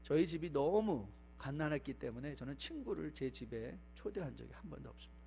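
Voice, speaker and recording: A middle-aged male pastor from Korea preaching a sermon, swinging between loud urgent exhortation and quiet confessional stories, with short English phrases mixed in. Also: on the high side, expressive, brisk, vocal fry, muffled recording, a little hiss or hum. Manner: mixes short English phrases into his speech. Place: church sanctuary.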